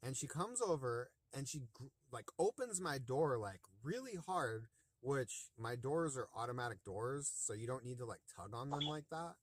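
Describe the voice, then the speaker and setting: A man's voice: medium pitch, expressive, moderate pace, few pauses, no room sound. A man working as a rideshare driver, calling support and rambling through his story with lots of fillers. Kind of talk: casual phone call. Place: in his car, also the vlog setting.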